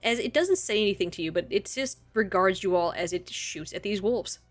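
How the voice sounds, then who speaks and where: A woman's voice: mid-range voice, animated, a little fast, faint music behind. Casual woman running a tabletop game. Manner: casual, laughs between rules calls. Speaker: game master.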